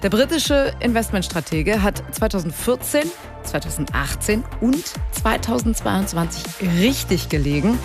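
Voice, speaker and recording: A woman's voice: mid-range voice, very animated, moderate pace. A woman presenting news in a conversational, scripted style, linking reports as the moderator. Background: music bed.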